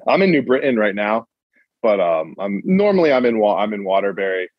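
A young man from Massachusetts calls in on an old flip phone, and the line sounds dull and lo-fi. His voice sits fairly low. He chats loosely, often stumbling and restarting his sentences. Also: sing-song, a little fast, no room sound. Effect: talking over an old flip phone line. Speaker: metal band guest. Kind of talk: casual interview chat. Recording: muffled lo-fi flip phone call.

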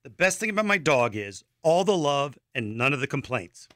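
A man's voice: mid-range voice, sing-song, normal speed, bright, forceful tone, no room sound, clean studio sound. A man co-hosting a radio show, bantering casually, teasing his co-host and reading out listener comments.

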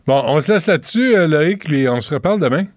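A man's voice: fairly high pitch, expressive, quick pace, no room sound, studio quality. A man with a Quebec French accent hosting a radio show, trading teasing, joking banter with his columnists. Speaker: radio host. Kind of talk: casual radio chat.

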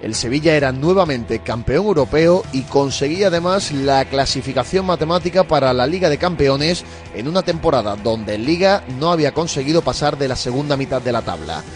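A man's voice: medium pitch, animated, a little fast. A man from reading scripted sports documentary narration. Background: music bed.

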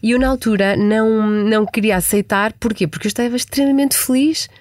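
A woman in her forties speaks with a European Portuguese accent, thoughtful and measured as an interview guest. She often pauses and restarts mid-sentence, and her voice sounds close and dry. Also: fairly high pitch, darkish tone, no echo. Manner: reflective, frequent restarts and hesitations. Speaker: podcast guest, executive. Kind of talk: conversational interview answers.

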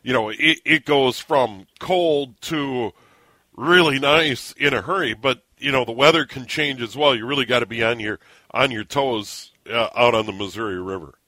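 Radio host guy, bright tone, trips over his words a bit, dry close mic. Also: medium pitch, normal speed, no room sound. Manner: stammering restarts. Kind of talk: casual radio chat.

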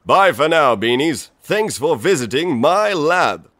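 A man's voice: fairly high pitch, big pitch swings, a little slow, background noise. An actor playing a jolly, eccentric male science professor in a children's educational show, with theatrical, exclaiming delivery. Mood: jolly, instructive. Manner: exclaiming, theatrical, with a signature "ah, ah, ah" laugh.

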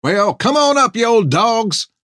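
A man voicing a filthy, cackling old male beach hermit who croaks and whoops in a rustic dialect. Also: extremely high pitch, sing-song, unhurried, fairly bright tone, dry recording, studio quality, pitched above the performer's own voice, heavily acted. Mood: rowdy.

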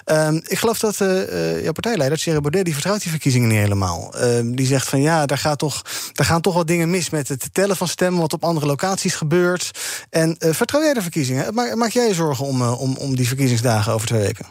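A man's voice: on the high side, expressive, quick pace, no echo, studio quality. A male interviewer asking probing political questions in Dutch, with many fillers and hesitations.

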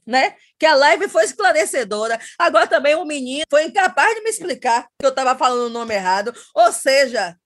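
A woman guest on a podcast, telling a funny story in an animated way and laughing as she talks. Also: sits high. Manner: animated comic storytelling, often says "my daughter". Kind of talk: casual podcast chat.

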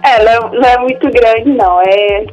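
A woman's voice: a little high, normal speed, highs cut off, over music. A woman, a caller chatting casually and a little shyly in brief answers. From Belo Horizonte, Minas Gerais, Brazil. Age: 20s. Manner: shy, giggly, brief answers. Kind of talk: casual chat.

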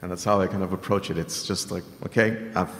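A man's voice: sits low, steady tone, fast, fairly bright tone, reverberant, long reverb tail. A man from Venezuela, a game composer and multi-instrumentalist, speaking earnestly on a panel. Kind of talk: panel discussion.

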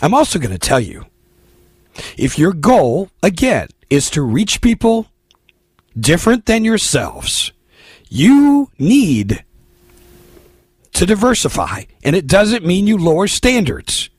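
An American man holds forth as a talk radio host, blunt and emphatic. His pitch moves widely as he exhorts his listeners, with a slightly rough, husky edge. The sound is dry and close. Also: wildly swooping pitch, unhurried, no room sound. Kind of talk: opinionated talk radio monologue.

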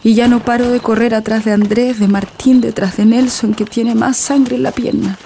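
A woman's voice: fairly high pitch, fairly even intonation, moderate pace, gravelly, warm tone, slight background noise. An actress voicing a desperate young mother fleeing with her baby, narrating in first person for an audio drama in a breathless, grieving manner.

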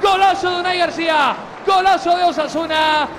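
A man giving live radio football commentary, shouting out a goal in excited breakneck style. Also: extremely high pitch, moderate pace. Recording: loud crowd and stadium noise.

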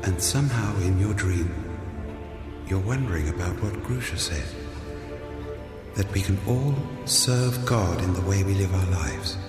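An actor voicing a calm, mysterious divine figure who speaks slowly and solemnly in a dream, heard in a long reverberant hall with music underneath. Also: male voice, sits low.

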